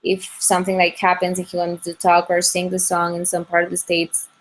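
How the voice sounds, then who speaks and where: Young woman, halting English. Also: lowish voice, completely flat delivery. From Ecuador. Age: young adult. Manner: halting, many restarts and fillers. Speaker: guest singer. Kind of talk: casual interview over a video call.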